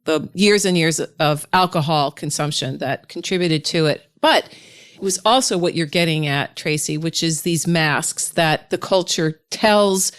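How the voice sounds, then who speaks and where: A woman's voice: low voice, measured pace, clear, resonant tone. A woman hosting a podcast interview, chatty and reflective as she talks and often affirms her guest. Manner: chatty and reflective, with frequent affirming murmurs and laughs. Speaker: podcast host.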